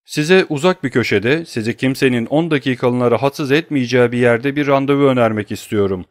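A male audiobook reader voices a cold, grimly menacing young nobleman, clipped and hard in every line, a little fast and slightly higher and louder than the surrounding narration. The voice sounds natural, and the recording is dry and close with no room sound.

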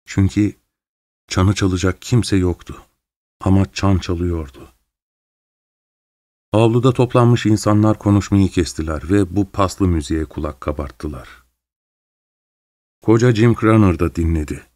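A man narrating a story in a calm, measured reading voice. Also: low-pitched, no echo.

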